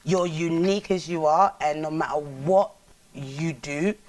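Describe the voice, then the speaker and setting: Earnest Nigerian actress guest. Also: female voice, low-pitched, unhurried, a little mellow, recorded from a distance. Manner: earnest, motivational. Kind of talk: casual chat.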